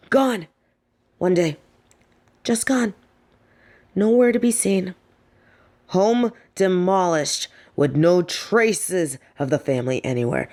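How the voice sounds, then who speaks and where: Speaking low and exaggerated, the young actress plays a rich, snobby family's adult daughter who is defiant and fed up in a scripted audio roleplay. She sounds angry and defiant, sardonic and emphatic throughout.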